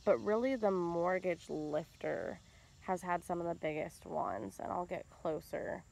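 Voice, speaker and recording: Woman, casual garden-tour vlogger, low-ish gravelly voice, phone mic outdoors, crickets faintly behind. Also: unhurried. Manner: relaxed, chatty, frequent ums. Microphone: handheld phone camera.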